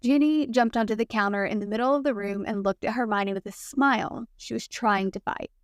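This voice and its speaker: A woman narrating a fanfiction audiobook with an even, measured delivery. Her voice is a touch high. The sound is close and dry, with no echo.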